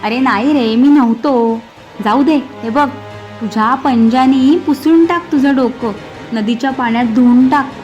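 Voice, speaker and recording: A woman's voice: high voice, a little slow, darkish tone, highs cut off, soft background music. A woman voicing a cheeky, clever male crow in a children's cartoon story, playfully teasing. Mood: innocent denial.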